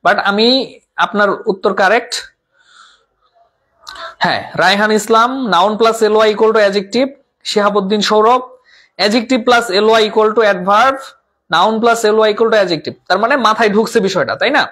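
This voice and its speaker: A man's voice: sits high, measured pace, long pauses, fairly bright tone. A man teaching a live online class, repeating terms, asking and answering his own questions, and mixing English words into his talk. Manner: reads out viewer comments.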